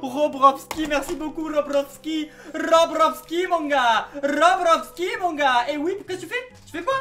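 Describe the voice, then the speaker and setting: A young man with a French accent, a gaming YouTuber talking fast, teasing and yelling as he plays beside his little brother. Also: very high-pitched, noisy background. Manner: hyper, yelling, teasing, repeats himself. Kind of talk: excited gaming vlog with sibling.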